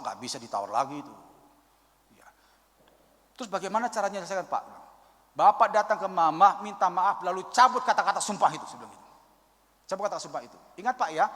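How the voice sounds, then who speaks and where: A man's voice: sits high, a bit bright. A man preaching a sermon in a church, telling a story, acting out its dialogue and calling for amens. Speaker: evangelist preacher. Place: church hall. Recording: long church hall reverb.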